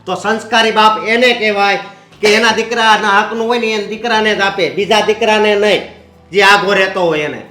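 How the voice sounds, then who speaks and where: A man's voice: high voice, fairly even intonation, a little fast, sharp tone, echoey room. An actor playing a grasping son and heir who argues and presses his father with tag questions. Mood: quarrelsome.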